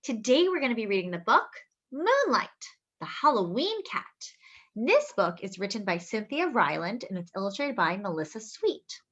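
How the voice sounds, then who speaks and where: A woman leads story time, reading a picture book aloud to young kids in an expressive, sing-song style, stretching out phrases and tossing in little asides and questions. Her pitch sits in the middle, and the recording sounds lo-fi.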